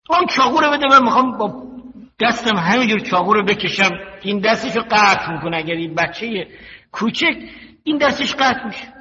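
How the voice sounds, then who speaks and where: An older male cleric giving a slow, measured religious sermon, teaching through stories and quotations. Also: sits high, expressive, sharp tone. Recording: dull lo-fi recording in a reverberant hall.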